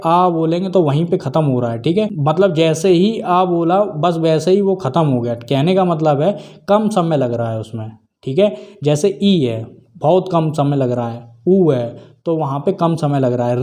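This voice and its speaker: A man's voice: fairly high pitch, dark tone. A man teaching an exam-prep grammar lesson, who keeps saying "theek hai" and asks and answers his own questions. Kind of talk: video lesson explaining grammar.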